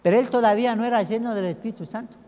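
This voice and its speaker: A male pastor delivers an emphatic sermon, firing off rhetorical questions at the congregation. His voice sits high for a man. The sound carries a long echo of a church hall. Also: very fast, warm tone.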